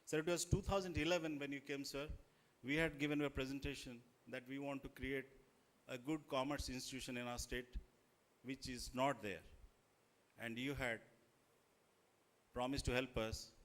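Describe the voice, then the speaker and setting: A man with an Indian accent gives a formal, deferential public speech in deliberate short phrases. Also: medium pitch, little pitch movement, fairly bright tone. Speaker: school chairman addressing a chief guest.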